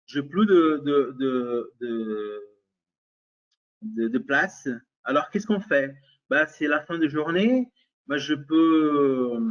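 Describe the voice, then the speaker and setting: A man's voice: a little high, dull audio. Brazilian-accented man, hesitant webinar demo. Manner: hesitant, many fillers and restarts; checks in with listeners often. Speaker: webinar presenter. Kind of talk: software demonstration webinar.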